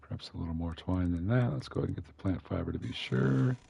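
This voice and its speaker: Gamer guy, very low gravelly voice, wry muttered play-by-play, faint hiss behind. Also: very animated, quick pace. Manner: muttering to himself, wry asides. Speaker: game streamer. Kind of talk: casual gameplay commentary.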